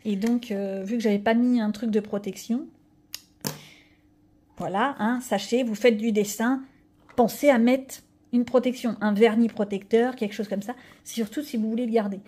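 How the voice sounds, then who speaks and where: Chatty French-speaking woman vlogger, mellow voice. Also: on the high side, fairly even intonation, moderate pace. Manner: chatty, rambling, with many fillers and restarts. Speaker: coloring channel vlogger. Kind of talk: casual haul vlog chat.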